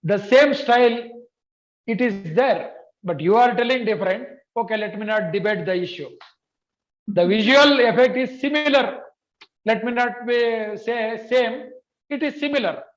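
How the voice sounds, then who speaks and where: A high-voiced man in his teaches an interactive online lesson. He goes step by step, repeating points and putting questions to his listeners. The audio is dull and lo-fi. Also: moderate pace. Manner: repetitive, questioning, checks for agreement. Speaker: computer typing instructor.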